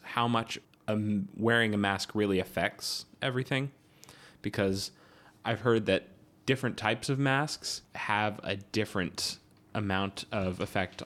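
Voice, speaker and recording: A man co-hosting a casual podcast, speaking in a measured, wry and thoughtful way. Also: fairly low pitch. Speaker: podcast co-host.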